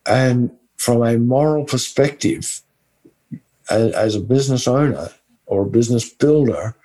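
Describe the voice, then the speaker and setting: A man's voice: mid-range voice, unhurried, mellow. A man with a West Texas accent and twang, co-hosting a podcast and talking business in an earnest, emphatic, conversational way. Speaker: podcast co-host. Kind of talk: conversational business advice talk.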